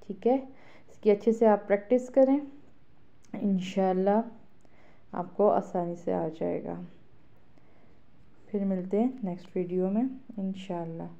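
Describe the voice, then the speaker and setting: A Pakistani woman teaches Quran reading with a Pakistani Urdu accent, stretching each letter in a slow, loud drill before explaining quickly and softly. Her voice sits at an ordinary middle pitch for a woman. The audio is thin and tinny, like a phone line. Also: fairly even intonation, vocal fry. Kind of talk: slow syllable-by-syllable spelling drill, then explanation.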